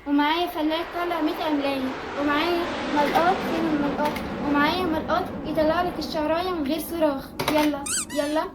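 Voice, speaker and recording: A woman voicing a pushy metro peddler who runs through a sing-song sales pitch in an Egyptian accent, as a comedy sketch figure. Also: fairly even intonation, quick pace, heavy background noise, lightly acted. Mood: hawking. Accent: Egyptian Arabic. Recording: loud music underneath.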